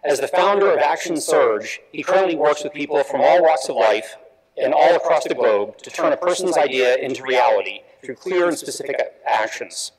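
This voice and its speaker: A man's voice: a little high, animated, moderate pace, low-quality recording. A man presenting an alumni award, reading a formal introduction steadily from a prepared text at a lectern on an auditorium stage. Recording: auditorium with loud crowd. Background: large audience.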